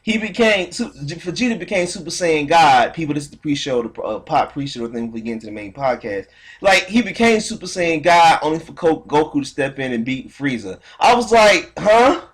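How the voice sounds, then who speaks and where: A man's voice: on the high side, lively intonation, fairly quick, husky. A man hosting a casual podcast pre-show, slangy and laid-back. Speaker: podcast host.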